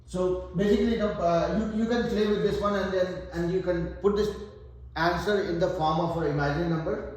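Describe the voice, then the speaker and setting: A math tutor with an Indian accent works through problems step by step, thinking aloud as he teaches. His voice sits high with a darkish tone, and he speaks a little fast. The room is very echoey.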